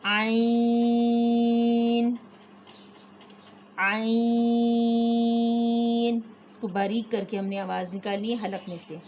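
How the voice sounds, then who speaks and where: A woman's voice: medium pitch, steady tone, darkish tone, dull audio, soft background music. Woman teacher drawing out each letter. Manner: drawn-out letter sounds between quick spoken explanations. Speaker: Quran reading teacher. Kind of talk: slow letter-by-letter recitation lesson.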